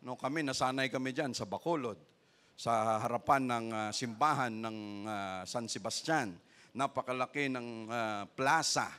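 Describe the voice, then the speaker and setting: A man with a Filipino accent preaching a sermon as pastor, shifting between conversational asides and loud, rising bursts of praise, with a frequent tag "no?". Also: mid-range voice, moderate pace, clean tone.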